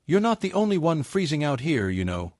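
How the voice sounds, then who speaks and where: Weary gentle rescuer, soft encouraging murmur, man doing the voice, storybook tale. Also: on the high side, big pitch swings, brisk, no echo, studio quality, voice pushed up.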